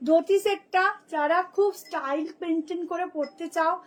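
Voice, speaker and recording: A hoarse woman, a boutique seller who talks nonstop, showing clothes to viewers in a live sales video. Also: extremely high pitch, normal speed, darkish tone. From Kolkata, India. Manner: chatty, nonstop talker.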